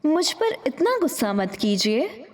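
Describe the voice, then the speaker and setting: A woman's voice: sits high, big pitch swings, a little slow, a little mellow, in a large hall, heavily acted. A woman voicing a sly female android assistant who speaks in a mocking, coy and provocative way. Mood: teasing.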